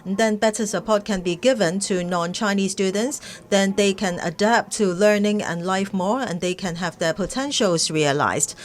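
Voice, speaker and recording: A woman working as a live interpreter of webinar speeches, speaking haltingly, phrase by phrase. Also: medium pitch. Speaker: simultaneous interpreter.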